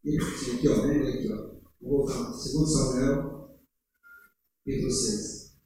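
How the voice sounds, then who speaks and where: A male pastor preaching a sermon in a church, swinging between loud urging and quiet asides. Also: medium pitch, steady tone, moderate pace, far from the mic, a little hiss or hum. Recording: echoey church hall, heard from afar.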